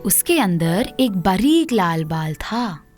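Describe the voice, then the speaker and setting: A woman narrating a children's storybook tale in a gentle, unhurried storytelling manner. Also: medium pitch, sing-song, faint music behind. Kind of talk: scripted narration.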